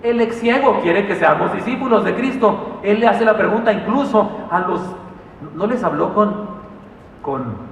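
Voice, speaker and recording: A man preaching a sermon in a church, animated and telling stories with humor and asides. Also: high-pitched, a little slow, vocal fry, distant mic, slight background noise. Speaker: pastor. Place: church sanctuary. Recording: echoey hall, mic from afar.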